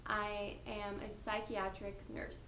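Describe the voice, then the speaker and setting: A woman's voice: medium pitch, level tone, slow, fairly bright tone, reverberant, slight background noise. A woman in her twenties answering casting interview questions in a chatty, giggly, slightly nervous way. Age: 20s. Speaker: reality show applicant.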